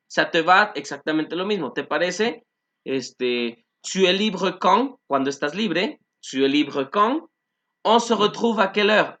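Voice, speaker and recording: A man teaching a French lesson, repeating phrases slowly and translating them, with many "este" fillers. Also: high-pitched, sharp tone. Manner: frequent "este" fillers, asks "¿no?" and "¿sí?". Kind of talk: online language lesson.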